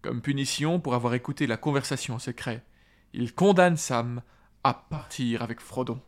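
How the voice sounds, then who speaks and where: A man hosting a casual book discussion, talking enthusiastically and reading passages aloud. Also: mid-range voice. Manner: enthusiastic, halting restarts. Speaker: podcast host and reader.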